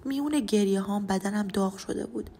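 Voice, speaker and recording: A woman's voice: mid-range voice, gravelly, warm tone, slight background noise. A woman narrating a first-person true-life audio story in an intimate, emotional way.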